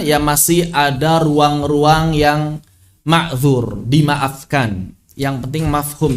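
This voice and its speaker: A man with a high voice teaches an online recitation lesson through a video call. He explains patiently, repeating key phrases and slipping between formal teaching and casual asides. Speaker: religious teacher.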